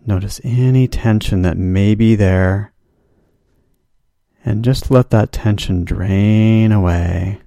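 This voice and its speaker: Male relaxation guide; deep-toned, mellow, unhurried soothing delivery. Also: gravelly, no room sound, clean studio sound. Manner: slow, soothing, drawn-out instructions. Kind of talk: guided progressive muscle relaxation.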